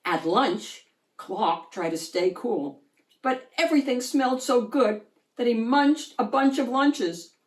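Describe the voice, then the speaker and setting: Reading a children's picture book aloud, a woman tells the story expressively at a slow pace. Her pitch is fairly high, and the sound is roomy.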